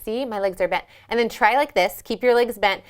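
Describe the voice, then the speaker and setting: A woman leading a children's yoga storytime at home. She reads a picture book aloud and asks the kids gentle questions. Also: a little high, brisk, clean tone.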